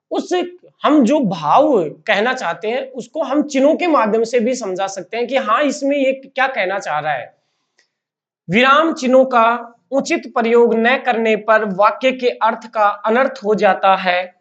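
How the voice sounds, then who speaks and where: A man teaching a Hindi grammar lesson, explaining slowly and asking questions that he then answers himself. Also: extremely high pitch. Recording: dull lo-fi recording.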